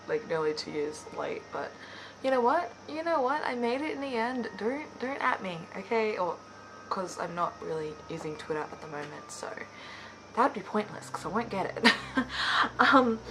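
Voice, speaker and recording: A woman's voice: medium pitch, background noise. Chatty woman vlogger, many fillers. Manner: rambling, full of fillers and self-corrections. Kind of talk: casual chat.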